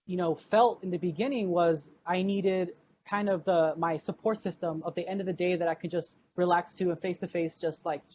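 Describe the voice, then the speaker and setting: A woman's voice: on the low side, fairly even intonation, fairly quick, darkish tone, a little hiss or hum. Hesitant young woman on muffled call. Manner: hesitant, many fillers and restarts. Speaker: graduate student guest. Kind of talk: casual conversational interview.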